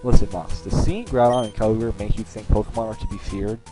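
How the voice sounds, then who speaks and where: A man's voice: fairly low pitch, over music, close to an everyday voice, low-quality recording. A man voicing an earnest male champion from a video game, reading steadily with small stumbles. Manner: steady, slightly halting reading of game text.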